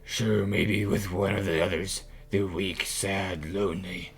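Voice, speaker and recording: A man doing a gravelly, brooding killer suitor. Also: low-pitched, level tone, measured pace, soft background music, voice pushed up. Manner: gruff, withholding, teasing menace. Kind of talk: reading game dialogue aloud.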